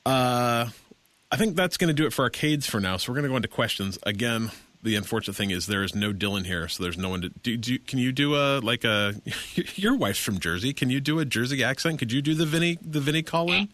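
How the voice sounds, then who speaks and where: A man's voice: mid-range voice, fairly quick, fairly bright tone. A man in his thirties hosting a casual podcast chat, rambling with many restarts and getting enthusiastic. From Seattle area, USA. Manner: rambling, self-correcting, enthusiastic. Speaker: podcast host.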